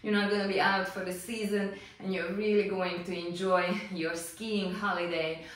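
A middle-aged woman Pilates instructor gives encouraging, step-by-step cues while demonstrating moves in a small, home-style indoor studio. Her medium-pitched voice is flat and at normal speed. A distant camera mic picks her up in an echoey room.

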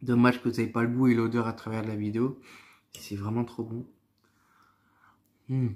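A man talks with his mouth full, murmuring short appreciative remarks between bites. His voice sits at an ordinary male pitch, casual and unhurried. The words come out muffled by chewing. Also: little pitch movement, a little mellow. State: talking while chewing. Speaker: food vlogger. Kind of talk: casual tasting commentary.

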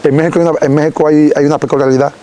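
A young Dominican man with a Dominican Spanish accent, telling his story as an interview guest in an animated, casual way, recorded outdoors on a lapel mic. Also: a little high, rapid-fire, slight background noise, poor audio. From Dominican Republic. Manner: animated, gesturing, frequent self-corrections. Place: outdoors in a rural yard.

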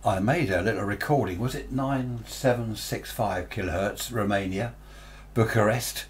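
With a voice on the low side and a moderate pace, an older British man (60s or above) demonstrates radio gear amid slight background noise. He rambles casually and off the cuff in his small, cluttered workshop, leaning on tag questions.

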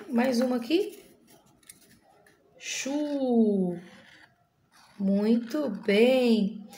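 A woman's voice: a little high, darkish tone. A woman teacher, leading a video lesson for young children in a sing-song, coaxing way. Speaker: inclusion teacher of first graders.

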